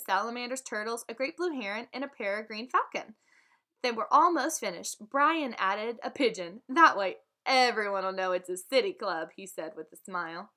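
A teacher whose voice sits on the high side reads a picture book to her pupils. Lively and expressive throughout, she switches into character voices whenever dialogue comes up.

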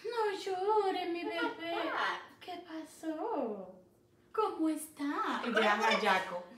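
Woman pet vlogger, slow coaxing baby talk; roomy echo, recorded from a distance. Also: extremely high pitch, lively intonation. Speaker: pet parrot channel host. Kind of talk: casual vlog talking to her parrots. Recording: echoey room, away from mic, noisy.

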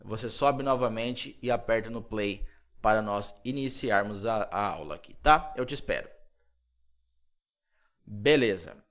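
Brazilian male English teacher, unhurried, drilling vocabulary by repetition. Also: fairly low pitch, fairly bright tone. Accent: Brazilian Portuguese, Mato Grosso. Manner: slow, repeats words over and over for drilling. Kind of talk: video English lesson for Portuguese speakers.

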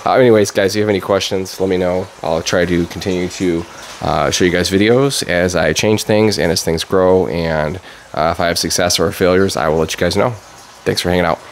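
Low-voiced casual DIY guy. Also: fairly quick, slight background noise. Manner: relaxed, chatty, many uh and um fillers. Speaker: DIY channel host. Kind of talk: casual walkthrough vlog. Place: basement grow room under pink grow lights; garage workshop, indoors.

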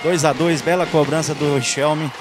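A man's voice: a little high, fairly even intonation, moderate pace, over music, crowd noise. A Brazilian man giving brief football commentary interjections as the second voice on a match.

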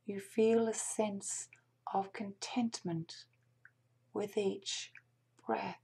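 Speaking in a gentle, deliberate half-whisper, a woman guides a meditation with long pauses. Her breathy, hushed voice is mid-range and holds a steady tone.

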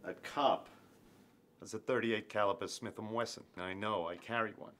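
A man's voice: on the low side, steady tone, normal speed, fairly bright tone, natural voice. A middle-aged man playing a brooding, cynical hardboiled noir detective in a film, terse and sardonic. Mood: insistent.

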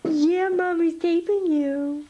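A woman's voice: very high-pitched, fairly even intonation, slow pace, dull audio, background noise. A woman filming her young children on a home camcorder, coaxing them in a sing-song baby-talk voice. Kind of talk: home video narration. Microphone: handheld camcorder.

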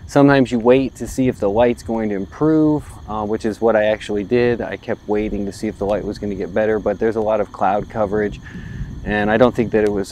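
A fairly low-voiced man in his forties speaks outdoors beside a country road. He explains his work in a loose, easygoing way, pausing often with ums and restarting sentences. Faint insects and crickets chirp behind him. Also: darkish tone, a little hiss or hum. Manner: easygoing, thinks aloud with many ums and restarts. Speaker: photographer vlogger. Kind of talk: casual on-location explanation. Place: outdoors on a rural roadside by fields.

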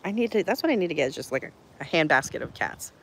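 A woman's voice: sits low, sing-song, rapid-fire, fairly bright tone, husky. A woman chatting casually on a live stream while she tends her horses outdoors, answering viewers and cooing at the animals in baby talk.

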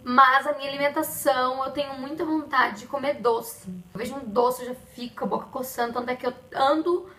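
Young Brazilian woman, vlog host, high bright voice, chatty and animated, echoey room. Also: a little fast, few pauses. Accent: Brazilian Portuguese. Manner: chatty, expressive, addresses viewers directly. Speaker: vlogger. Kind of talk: casual pregnancy diary vlog.

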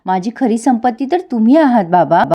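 A woman's voice: fairly high pitch, lively intonation, fairly quick, warm tone. A woman voicing a scheming young woman who speaks in a honeyed, pleading way in a TV serial recap. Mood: sweet.

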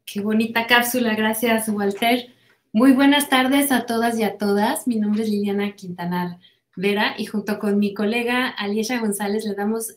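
Upbeat woman hosting in an echoey room. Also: mid-range voice. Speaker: host. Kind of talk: program host welcome. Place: office with plants. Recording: roomy echo.

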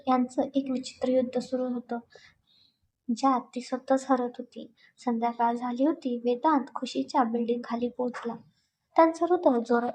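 A woman narrating a romantic story in a steady, expressive storytelling style. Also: fairly high pitch, a little hiss or hum.

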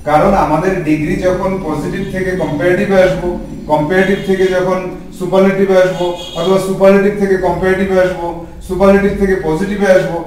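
A man's voice: high voice, flat delivery, fast talker, darkish tone, a little hiss or hum. A man teaching a spoken English grammar lesson to a class, putting questions to the students and answering them himself. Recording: echoey room from far off.

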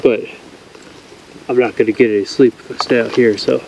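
A man in his thirties talking casually and haltingly to a camera outdoors, his voice stuffy and nasal as if his nose is blocked. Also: medium pitch, fairly even intonation, vocal fry, a little mellow, slight background noise, low-quality recording. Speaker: solo outdoor vlogger. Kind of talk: low-key casual talk to camera. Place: outdoors at night in a desert canyon by a campfire.

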